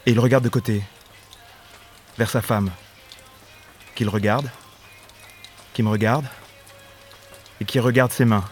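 Male actor as a cold gunman: flat, insistent stage monologue, ordinary pitch, faint music behind. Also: takes it slowly, long pauses, natural voice. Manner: flat, insistent repetition, shouts quoted lines. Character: armed man recounting a killing, cold. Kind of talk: theatrical monologue.

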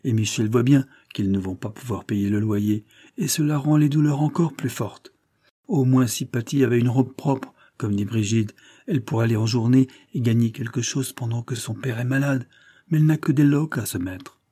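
A man reading an audiobook, voicing an earnest, excited little boy who has just become heir to a title. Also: mid-range voice, normal speed, dry recording, studio quality, close to an everyday voice. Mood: anxious. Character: eager, kind-hearted little boy heir.

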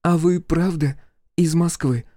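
A man voicing a cheeky, lively young woman partisan scout in an audiobook, raising his voice high and eager. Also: slow, no echo, studio quality. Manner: eager, teasing, high-pitched.

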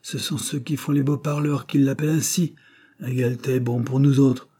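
A man's voice: medium pitch, fairly even intonation, moderate pace, dark tone, husky, pitched above the performer's own voice, close to an everyday voice. A man reading aloud voices a domineering, scolding middle-aged maidservant woman in a storybook.

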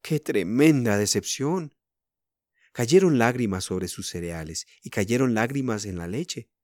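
A man reads a children's story, speaking to young listeners. His pitch rises and falls expressively. The recording is dry and close. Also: expressive, a little slow, darkish tone, no room sound.

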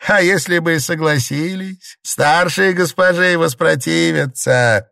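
A humble, chatty old country grandmother performed by a man, her voice lifted high into exclaiming, drawn-out cries. She fusses and marvels without pause. The reading is close and dry. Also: vocal fry, sharp tone, dry recording, exaggerated voice. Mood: fussing, exclaiming. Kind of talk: audiobook character voice.

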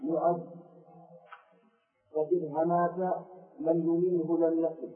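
A man reads grammar verse and its commentary aloud in a very flat monotone, a little high-pitched. He sounds far from the mic in an echoey room, and the recording is thin and phone-like. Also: takes it slowly, faint music behind. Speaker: student reading the text aloud. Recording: distant, echoey, phone-like audio.

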